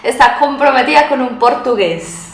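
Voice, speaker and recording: A woman's voice: sits high, lively intonation, normal speed, reverberant. A woman with a Latin American Spanish accent, a native Spanish speaker, hosting a casual chat interview and slipping between Spanish and Portuguese. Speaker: interviewer and host.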